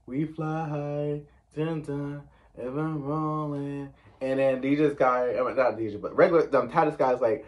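In a mid-range voice, a US East Coast man gives a chatty, sassy recap of a reality show, peppered with "like" and slang asides in casual talk.

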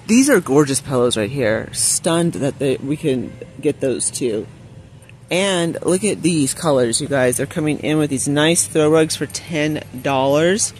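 Man, slightly high voice, chatty shop-with-me vlogger, gushing, reading out prices, phone mic in a store aisle. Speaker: shopping vlogger. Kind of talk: shop-with-me vlog narration. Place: aisle of a discount store, indoors. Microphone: handheld phone camera.

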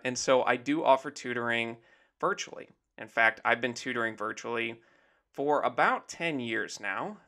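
Bright-voiced man explaining his website. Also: mid-range voice. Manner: easygoing, explanatory, leans on "basically" and "essentially". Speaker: math teacher and tutor. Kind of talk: casual screen-share walkthrough.

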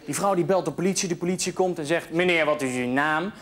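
A man telling jokes, acting out the characters with loud moaning and shouting. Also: a little high, quick pace. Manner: swings into loud moaning and shouted voices for the punchlines. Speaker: joke teller.

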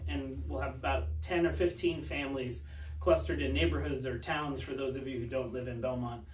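A man in his thirties, a minister, giving an earnest, reassuring church video announcement with many fillers, recorded by a far camera in an office. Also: medium pitch. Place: church office with bookshelves, indoors. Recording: roomy sound from a distance.

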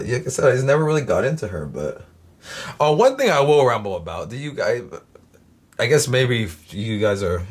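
A man's voice: fairly low pitch, slightly rough. A young man casually rambling to camera before a music reaction, swearing freely and laughing easily. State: has hiccups.

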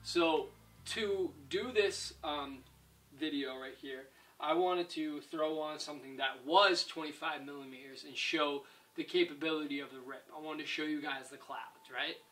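A man's voice: a little high, unhurried, bright, forceful tone. A young man in a casual product review vlog, upbeat and often asking "right?", filmed indoors in a living room by a camera across the room. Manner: upbeat, keeps adding "right?". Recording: distant mic with music under the voice.

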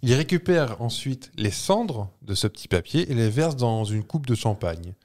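A man with an average-pitched voice reads out trivia to a friend and asks whether it is true. He talks in a playful, teasing way and chuckles easily in this casual chat. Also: sing-song, normal speed, a little mellow. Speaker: podcast co-host.

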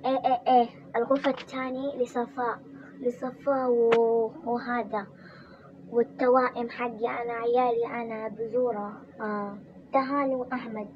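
A woman's voice: fairly high pitch, level tone, normal speed, close to an everyday voice. Woman as a gossiping young wife. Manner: chatty gossiping complaints. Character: weary complaining young wife. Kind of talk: toy role-play drama. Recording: muffled with background noise.

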